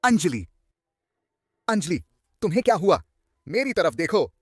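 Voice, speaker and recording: A man's voice: high voice, very animated, measured pace, slightly rough, dry recording, heavily acted. An earnest protective young man. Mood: worried. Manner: urgent, imploring. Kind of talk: dubbed drama acting.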